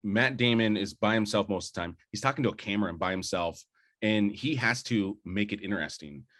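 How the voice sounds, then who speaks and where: This young adult man co-hosts a podcast, and his voice is fairly low, fairly bright, and a little fast. He debates movies with enthusiasm in a casual film chat, rambling with fillers and restarts.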